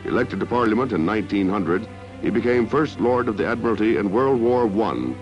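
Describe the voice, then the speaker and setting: A man's voice: fairly low pitch, animated, a little fast. Man narrating an old newsreel. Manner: declamatory, stately delivery. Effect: old newsreel film soundtrack. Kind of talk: dramatic 1960s newsreel narration. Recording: dull lo-fi 1960s newsreel audio with music.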